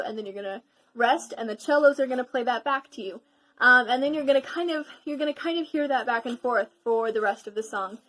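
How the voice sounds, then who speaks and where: A woman's voice: on the high side, fairly bright tone. A teenage girl giving a casual violin section lesson, chatty and encouraging, with lots of ums. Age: teens. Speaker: student violin teacher.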